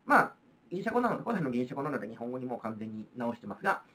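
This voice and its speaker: A woman's voice: extremely low pitch, sing-song, racing, a bit bright. A woman with a Kansai accent teaching a history lesson on video, explaining in a chatty way with frequent fillers. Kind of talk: recorded video lecture.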